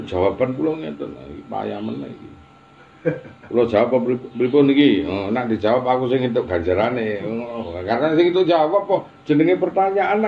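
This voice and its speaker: A man's voice: medium pitch, gravelly, highs cut off, slight background noise. A man giving an informal religious talk, chatty, with teasing asides. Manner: chatty, mixing Javanese and Indonesian, teasing asides. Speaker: religious teacher.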